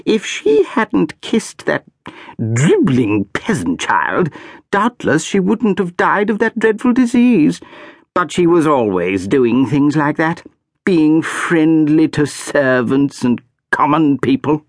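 A man's voice: on the high side, very animated, takes it slowly, dry recording, studio quality, voice pushed up, heavily acted. A man voicing a haughty, cold aristocratic aunt who speaks disdainfully and snaps at a child. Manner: snappish, disdainful.

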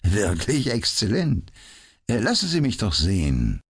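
A man's voice: on the low side, wildly swooping pitch, unhurried, husky, pitched above the performer's own voice, exaggerated voice. A man reading an audiobook, voicing the ironic, cool detective Sherlock Holmes with a raised, mocking tone. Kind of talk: audiobook character voice.

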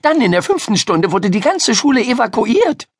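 A man voicing a chatty, excited schoolgirl who babbles without pause, in a storybook reading. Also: very high-pitched, dry recording, studio quality, voice pushed up, exaggerated voice. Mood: excited chatter. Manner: babbling nonstop, gushing.

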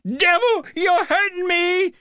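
A frantic woman shrieks in a high, strained pitch, as a male narrator puts her on. The audiobook voice rises far above his normal range and sounds dry and close. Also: slow, pushed and bright, dry recording, exaggerated voice. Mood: frantic screaming. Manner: shrill, wild screaming. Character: frantic screaming woman with a knife. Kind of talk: audiobook character voice.

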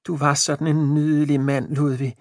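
A man's voice: a little high, little pitch movement, darkish tone, dry recording, clean studio sound, pitched above the performer's own voice, close to an everyday voice. A man voicing an older, kindly wife, in a raised and pleading voice in an audiobook. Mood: eager. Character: kind fussing older wife Jane.

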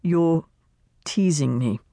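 A woman's voice: low voice, slow, warm tone, no echo. A woman voicing a cold, condescending male British actor with a British accent. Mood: disdainful. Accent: British (put on). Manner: dry, condescending.

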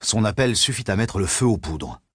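A man narrating a thriller audiobook in a measured, suspenseful reading. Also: lowish voice, lively intonation, breathy edge, no echo, studio quality.

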